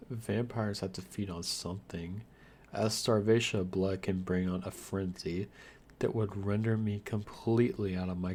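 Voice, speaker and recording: In a wry, theatrical ASMR roleplay, a man plays a lonely, guarded undead vampire and speaks straight to the listener. His voice is lowish and slightly rough with a darkish tone, and his mood is reluctant and wry.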